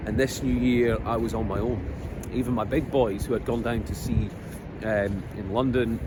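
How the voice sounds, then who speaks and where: Earnest Scottish man outdoors, traffic behind. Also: fairly low pitch. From Scotland. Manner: hesitant, many pauses and ums, earnest. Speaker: vlogger. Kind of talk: reflective personal monologue. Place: outdoors on a coast. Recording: outdoor recording with background noise. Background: outdoor noise, passing vehicles.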